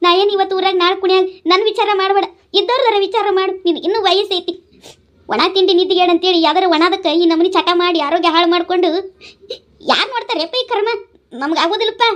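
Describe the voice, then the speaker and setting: A woman voicing an older widowed village mother who scolds and pleads with her drinking son, in a North Karnataka Kannada accent. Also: very high-pitched. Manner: nagging, pleading, tearful.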